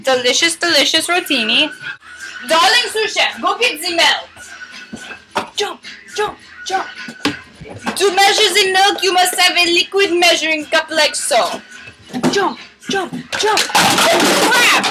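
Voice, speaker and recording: A young woman vlogger hosts a mock cooking show in her home kitchen, handing out silly instructions in a mock-formal tone. Her very high voice is animated but slow, with long pauses. The audio is poor, and loud rap music plays behind her in the home video.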